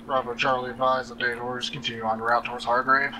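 Man on radio command, rapid monotone orders, distant and noisy. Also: mid-range voice. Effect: over game voice radio. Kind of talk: clipped military radio orders.

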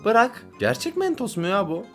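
A young man hosting a reaction video, excitable and slangy, laughing and exclaiming often as he comments. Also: very high-pitched, moderate pace, faint music behind.

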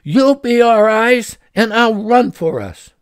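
A man's voice: high-pitched, expressive, takes it slowly, smooth, no room sound, clean studio sound, voice pushed up. A man voicing a friendly, earnest blind young man in a storybook, polite and eager. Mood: excited.

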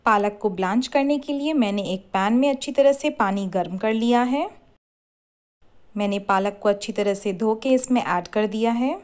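A woman talks through a recipe in a scripted voice-over. She lays out each step clearly and evenly, pitched in the middle for a woman. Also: normal speed, darkish tone. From India. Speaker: cooking channel host.

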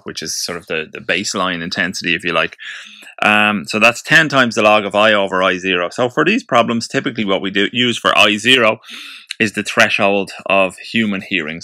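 A physics tutor gives an informal tutorial, working through a problem step by step as he thinks aloud. His fairly low voice sounds pushed and bright, and the recording is dry.

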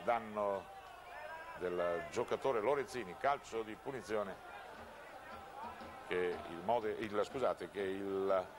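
Male football commentator, fairly low pitch, running match description, clearly noisy outdoor stadium broadcast. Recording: noisy old TV broadcast audio. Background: outdoor stadium ambience.

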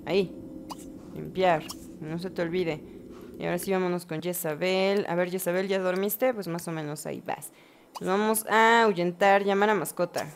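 A woman's voice: fairly low pitch, normal speed. Woman gaming host, chatty let's-play talk, bosses her characters around, faint noise behind. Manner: chatty, talks to her game characters, bursts of excited exclamations. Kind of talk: casual let's-play commentary.

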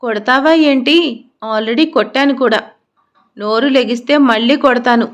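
A woman's voice: fairly high pitch, measured pace, close to an everyday voice. Woman reading an angry young husband, cold and mocking, stern.

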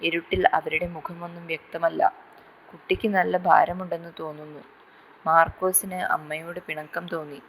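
A woman reads a literary novel as an audiobook, calm and measured. Her voice sits low and stays level, with little rise or fall. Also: a little hiss or hum, rough recording. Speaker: audiobook narrator.

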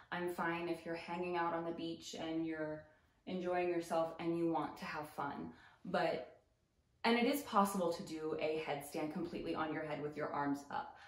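A woman yoga instructor giving casual, explanatory commentary with gentle cautions. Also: fairly low pitch, reverberant, poor audio. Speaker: yoga instructor reacting to videos.

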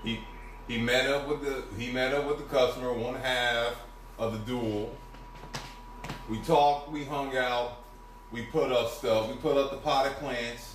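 A man's voice: mid-range voice, fairly even intonation, a little slow, slight background noise. A man streaming a casual chat, rambling through a work story and acting out what people said. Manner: rambling storytelling, acts out quotes. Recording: echoey room, far from mic.

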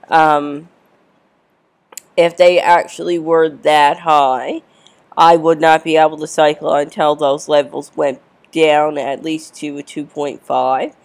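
Stuffy-nosed woman talking slowly, plain matter-of-fact vlog voice, has a cold. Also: low voice, vocal fry, darkish tone. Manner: matter-of-fact, reading out numbers. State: congested with a cold. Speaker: vlogger. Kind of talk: casual vlog update.

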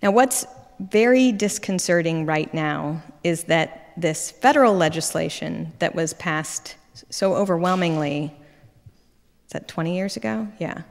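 Fast-talking woman lecturing in a hall. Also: on the low side, gravelly. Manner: quick, conversational, asides and restarts. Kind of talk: public lecture. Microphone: wireless microphone. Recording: reverberant hall.

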